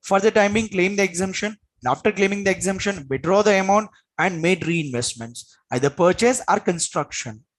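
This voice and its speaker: Indian guy teaching a class, pretty high voice, repeats points hard and keeps checking you follow. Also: expressive, a little fast, few pauses. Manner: emphatic, repetitive, with frequent check-in questions. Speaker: tax lecturer, exam coach. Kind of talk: classroom lecture.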